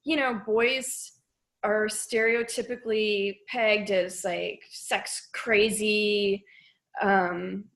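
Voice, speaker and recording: A middle-aged woman hosting an interview, soft-spoken and encouraging, often affirming with quiet mm-hmms. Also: mid-range voice, fairly even intonation, extremely slow, low-quality recording. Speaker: interviewer host. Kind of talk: interview conversation.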